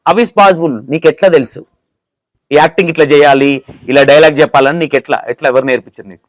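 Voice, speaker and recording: Fast-talking Telangana man interviewer. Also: on the high side, no echo. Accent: Telangana Telugu. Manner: teasing, playful questioning. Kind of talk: casual interview.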